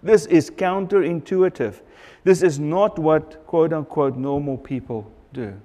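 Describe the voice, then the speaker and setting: Middle-aged preacher in a reverberant church. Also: male voice, on the high side, mellow, highs cut off. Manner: earnest preaching, repeating phrases for emphasis. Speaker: pastor. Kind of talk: sermon. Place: church sanctuary at a pulpit.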